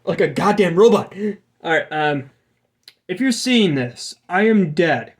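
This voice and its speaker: A young man running a tabletop game, rambling with crude jokes and lots of fillers. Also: a little high. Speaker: game master. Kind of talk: casual tabletop game narration.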